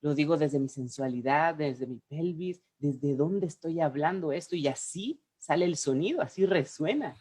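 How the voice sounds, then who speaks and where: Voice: medium pitch, animated, moderate pace, few pauses, darkish tone. A co-host of a webinar on the speaking voice, talking reflectively, searching for words and correcting itself along the way, over a video call.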